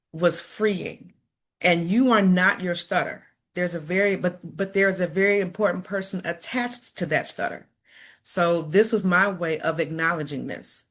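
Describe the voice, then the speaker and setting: This woman's voice is on the low side and a bit bright. A middle-aged Chicago native and motivational speaker, she gives a personal, earnest, encouraging talk to an audience, stuttering and repeating words along the way.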